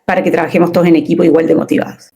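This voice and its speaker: A woman speaking as a communication consultant in an interview, expressive and emphatic, often asking rhetorical questions. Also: on the low side, rapid-fire, creaky. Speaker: communication consultant and workshop leader. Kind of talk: interview conversation.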